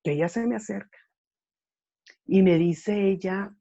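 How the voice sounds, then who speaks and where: Lady preaching over a video call, dull lo-fi sound, kinda breathy, pleading and repeating herself. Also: mid-range voice, unhurried, warm tone. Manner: fervent, pleading, repetitive appeals. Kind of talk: sermon.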